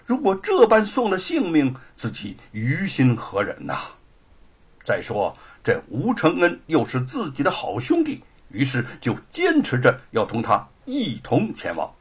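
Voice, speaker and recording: A man narrating a traditional Chinese story with dramatic, lively delivery. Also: medium pitch, measured pace, husky.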